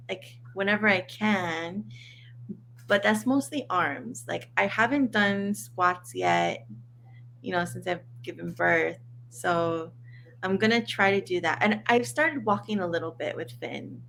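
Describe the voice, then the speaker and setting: A woman's voice: medium pitch, gravelly, fairly bright tone, a little hiss or hum. A woman chatting in an upbeat, playful way as a new mom. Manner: upbeat, playful, slightly breathless. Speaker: guest mom. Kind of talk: casual chat.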